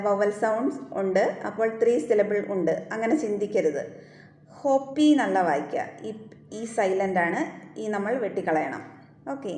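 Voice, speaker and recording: A woman teaching a phonetics lesson, explaining step by step and stretching out example words slowly. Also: mid-range voice, darkish tone, echoey room.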